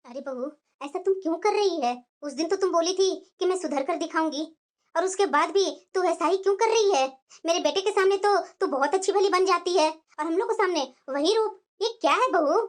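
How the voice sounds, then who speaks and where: A woman's voice: very high voice, a little fast. Woman voicing a complaining old grandmother. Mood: scolding. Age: older. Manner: lamenting, plaintive. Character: old grandmother, worried and complaining mother-in-law.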